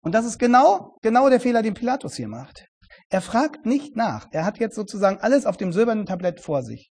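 A man preaching a sermon in an earnest, emphatic way, often repeating words for stress and shifting between quiet and loud. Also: sits high, big pitch swings, brisk, slightly rough.

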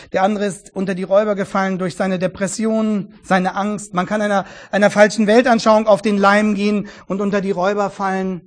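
Guy preaching with a high voice, earnest, goes loud then hushed, repeats words. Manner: earnest preaching, swings between emphatic and hushed; repeats words when stressing a point. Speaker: pastor. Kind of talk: sermon.

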